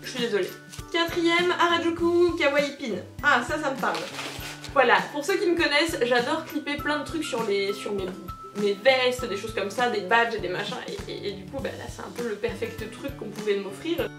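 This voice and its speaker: A woman's voice: on the high side, moderate pace. A young woman hosting a casual unboxing video at home, gushing and joking about herself, with many fillers. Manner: bubbly, gushing, self-mocking, with many fillers. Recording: roomy, distant, with music behind.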